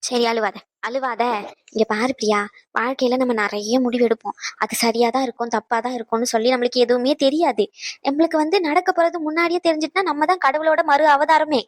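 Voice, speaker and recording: A woman's voice: high-pitched, steady tone, a little fast, dry recording, studio quality, natural voice. A woman voicing a caring but outspoken old grandmother in a cartoon, scolding and lecturing protectively. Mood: comforting. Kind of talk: cartoon voice acting.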